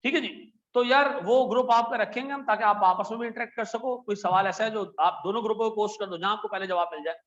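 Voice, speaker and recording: Animated Pakistani male teacher, high voice. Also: quick pace, few pauses, muffled recording. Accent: Pakistani Urdu. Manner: chatty, animated, frequent "theek hai ji" asides. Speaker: accountancy teacher. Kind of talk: classroom lecture. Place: classroom with air conditioners and lights.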